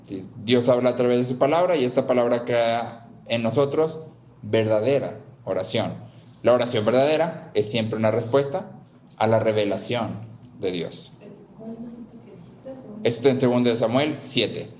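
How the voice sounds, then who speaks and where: A man's voice: medium pitch, moderate pace, a little mellow, reverberant, slight background noise. A man preaching a sermon who repeats his key phrases and keeps asking the listeners "¿sí?" to check they follow.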